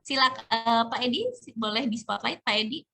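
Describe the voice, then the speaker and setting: Bright, high-voiced woman hosting. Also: normal speed, vocal fry, slight background noise. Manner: chatty, colloquial. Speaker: host of a community webinar. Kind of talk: informal online presentation.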